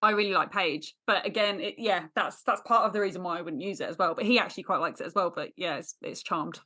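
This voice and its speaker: A woman's voice: lowish voice, quick pace, sharp tone. A woman co-hosting a podcast, chatting casually, playful and laughing often. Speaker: podcast co-host. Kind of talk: casual chat.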